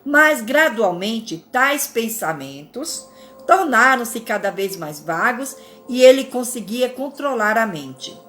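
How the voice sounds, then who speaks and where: Calm woman reading a fable. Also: on the high side, soft background music. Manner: calm, measured reading with small slips and self-corrections. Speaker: narrator. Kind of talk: reading a spiritual fable aloud.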